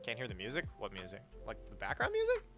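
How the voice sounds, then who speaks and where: A man's voice: lowish voice, wildly swooping pitch, quick pace, fairly bright tone, soft background music. A man streaming a game live, chatting crudely and joking with his chat, reading donations aloud. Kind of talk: casual live-stream chat while gaming. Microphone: headset mic.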